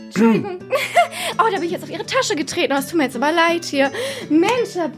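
A woman playing a loud, gushing, high-voiced busybody. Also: very animated, fast, music in the background. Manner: loud, gushing, giggly, keeps saying "ne?". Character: loud, overbearing, chatty woman, middle-aged. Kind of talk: comedy sketch acting.

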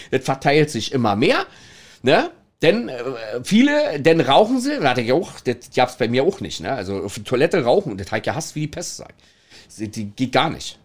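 A middle-aged man, telling anecdotes in a chatty way, laughing often and checking in with the listener. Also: fairly high pitch. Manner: chatty, laughs a lot, tags lines with "ne?". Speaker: former toilet attendant telling stories.

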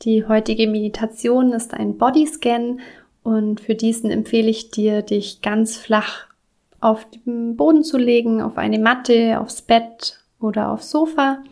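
Woman meditation guide, slow and calm, slightly high voice, soft whispered phrases. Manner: slow, soothing, with soft breathy whispered words. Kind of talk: guided body scan meditation.

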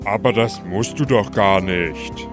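An actor playing a calm, knowing male beer buddy in a radio ad, consoling his friend with puns. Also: on the low side, slow pace. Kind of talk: radio ad dialogue. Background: music.

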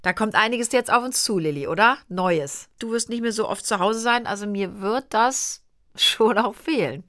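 A middle-aged woman hosts a relaxed podcast, talking freely and teasing her guest. She chats in an easygoing, lively way and breaks into laughter often. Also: medium pitch, moderate pace. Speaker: podcast host. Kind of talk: casual chat.

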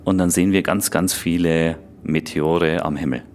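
A man's voice: low voice, steady tone, moderate pace, a little mellow, a little hiss or hum. A man speaking as an expert guest, explaining science simply and conversationally for children.

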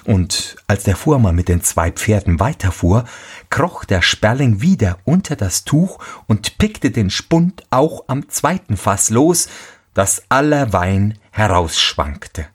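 A male storyteller reading a fairy tale aloud at a slow, unhurried pace. His voice is soft and a little breathy, with a very lively, rising and falling melody. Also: fairly low pitch.

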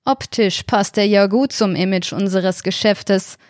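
A woman's voice: medium pitch, steady tone, unhurried, no echo, clean studio sound, close to an everyday voice. A woman voicing an unimpressed male store manager speaking matter-of-factly.

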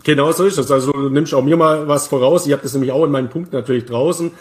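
Man giving measured crypto tax commentary. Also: on the high side, fairly even intonation. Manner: measured, with many fillers and restarts. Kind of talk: casual discussion commentary.

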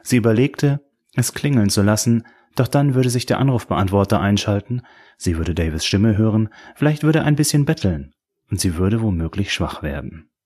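A man narrating an audiobook in a wry, measured storytelling manner. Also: lowish voice, lively intonation, darkish tone.

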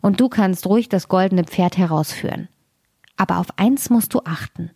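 A woman voicing a wise, helpful male fox in a fairy-tale reading, giving calm, patient advice. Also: lowish voice, moderate pace, creaky, husky, no room sound, clean studio sound. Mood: advising.

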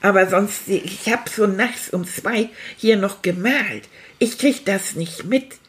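A woman's voice: medium pitch, takes it slowly, close to an everyday voice. A woman voicing a sulky, childlike male character who chats theatrically and makes sound effects in a comic monologue. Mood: indignant.

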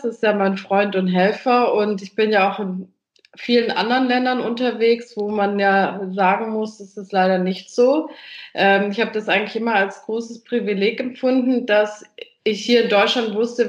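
A woman's voice: mid-range voice, echoey room, muffled recording. A woman interviewer asking questions in a chatty, personal way. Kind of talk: conversational interview.

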